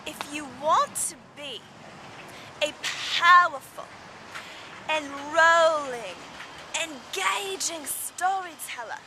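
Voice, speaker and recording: A woman's voice: high-pitched, noisy background, heavily acted. Woman putting on a dramatic British lady in her sixties. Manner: dramatic, commanding, slow emphatic delivery. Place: outdoors.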